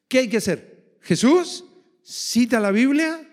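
A male pastor with a high-pitched voice preaches with emphasis, often putting rhetorical questions to his listeners. His words ring out with a long reverb, as if he were in a large hall. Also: expressive, slow pace. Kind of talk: sermon.

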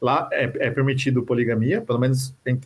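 A man's voice: mid-range voice, fairly quick, breathy edge. A man with a Brazilian Portuguese accent explaining himself casually as a podcast guest, often tagging phrases with little questions. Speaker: podcast guest, video creator. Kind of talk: casual interview talk.

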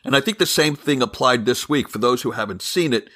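A man hosting a casual political podcast, with a bright, forceful tone. He talks in an animated, ranting way, laughing between points. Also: medium pitch, fairly quick. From California. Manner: animated, ranting, chuckles often. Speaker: podcast host. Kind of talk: casual political debate chat.

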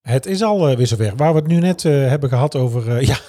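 A man's voice: medium pitch, lively intonation, quick pace, music in the background. A man co-hosting a podcast, chatting casually and teasing his co-host impatiently. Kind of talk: casual chat.

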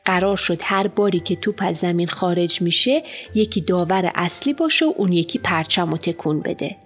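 Low-voiced woman reading a storybook. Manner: lively, expressive storytelling. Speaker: audiobook narrator. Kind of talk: storybook narration as a boy narrator. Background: faint music.

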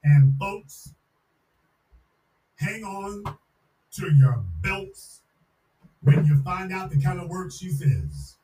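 A man's voice: high-pitched, sing-song, slow, long pauses, dark tone. A man hosting a live-stream podcast, ranting emphatically and repeating slogans with a mocking edge. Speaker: podcast host. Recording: roomy sound from a distant mic.

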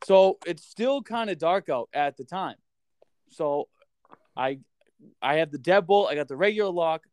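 A man's voice: a little high, lively intonation, unhurried, darkish tone, clean tone, no room sound. A man co-hosting a casual podcast, swearing freely and acting out quotes as he tells stories. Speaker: podcast co-host.

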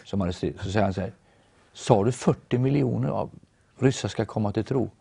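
Man, Norwegian native, gravelly, dark low voice, testimony, dry sound. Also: no room sound. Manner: animated storytelling, voices others in quotes. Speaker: guest storyteller.

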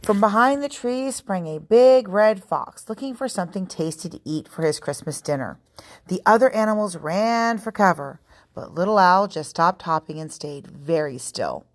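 Calm woman reading a storybook aloud. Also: on the low side, normal speed. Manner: calm, clear, steady reading. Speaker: podcast host reading a children's book. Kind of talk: storybook read-aloud narration.

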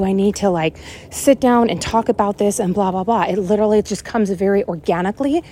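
A woman in her forties hosting a casual walk-and-talk monologue, thinking out loud with lots of fillers as she strolls around her neighborhood. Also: medium pitch. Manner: rambling, animated, thinks out loud with many fillers. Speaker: podcast host. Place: walking outdoors around a neighborhood.

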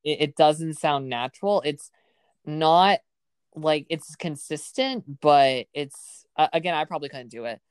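Brief: woman podcast host, low and smooth, chatty and rambling, dry close mic. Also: lively intonation, unhurried, no room sound. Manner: chatty, heavy use of "like". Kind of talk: casual film review chat.

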